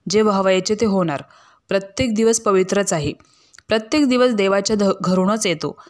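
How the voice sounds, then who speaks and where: A woman's voice: medium pitch, moderate pace, darkish tone, lightly acted. Woman reading as a proud fearless landlord. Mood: scornful. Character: proud fearless middle-aged village landlord man.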